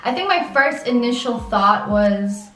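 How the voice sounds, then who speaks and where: A woman's voice: a little high, animated, a little slow, bright, forceful tone. A woman in her twenties chatting casually on a vlog, rambling with lots of "like" and restarts. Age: 20s. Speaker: vlog co-host answering questions. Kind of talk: casual chat. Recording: roomy echo, mic at a distance, music behind.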